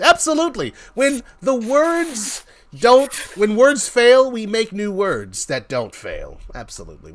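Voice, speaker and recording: With music running under his voice, a man of mid-range pitch and fairly bright tone hosts a game developer's live stream. The talk is casual and meandering, and he plays around by acting out small pretend dialogues.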